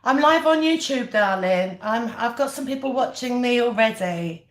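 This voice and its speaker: A woman's voice: fairly high pitch, lively intonation, normal speed. British woman chatting through a mukbang, echoey room. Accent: British English. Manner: chatty mukbang-style talk while eating dinner. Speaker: livestream host. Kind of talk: casual live chat over a meal.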